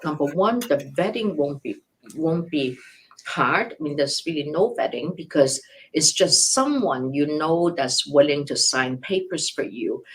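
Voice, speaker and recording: A woman's voice: low voice, low-quality recording. Older woman lawyer explaining step by step. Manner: explains step by step with numbered points and worked examples; frequent restarts and self-corrections. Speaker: immigration lawyer. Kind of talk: live question-and-answer explanation.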